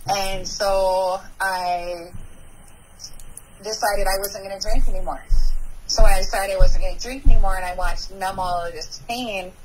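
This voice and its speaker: A woman's voice: medium pitch, fairly even intonation, normal speed, soft background music, rough recording. A woman in her forties from North Dakota, a guest candidly telling her personal recovery story in a conversational way. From North Dakota, USA.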